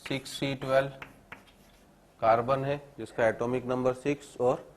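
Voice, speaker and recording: A man teaching chemistry to a class, dictating notes slowly and checking in with students. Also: medium pitch, steady tone, a little hiss or hum. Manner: repeats phrases slowly for dictation, keeps asking "theek hai na"; calls students "beta", explains step by step.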